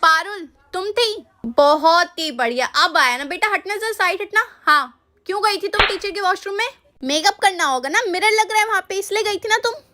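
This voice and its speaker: A woman's voice: very high-pitched, lively intonation, normal speed, bright, forceful tone, exaggerated voice. A woman playing a strict female school teacher who scolds and threatens her class in a comedy skit. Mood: scolding. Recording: faint music behind.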